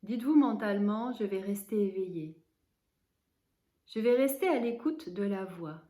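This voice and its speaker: In a guided yoga nidra relaxation, a woman with a medium-pitched voice offers measured, tranquil instructions, stopping now and then to pause.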